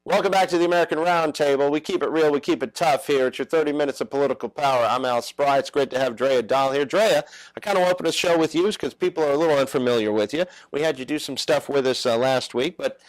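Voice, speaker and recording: Halting male talk show host. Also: on the high side, dry recording, poor audio. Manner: halting, many "uh" fillers.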